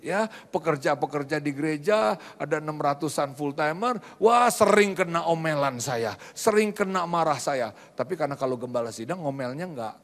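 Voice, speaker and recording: A middle-aged man, a pastor, preaching a lively storytelling sermon to his congregation. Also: on the high side, moderate pace, hardly any pauses. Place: large church hall. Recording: long reverb of a church hall.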